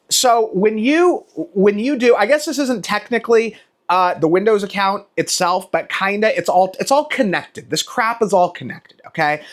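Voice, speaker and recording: A man with a high-pitched voice delivers an exasperated, off-the-cuff rant. His intonation swings widely as he hammers points home, restarting and repeating words for emphasis. His language is casual and peppered with swearing. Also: a bit bright. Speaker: video creator.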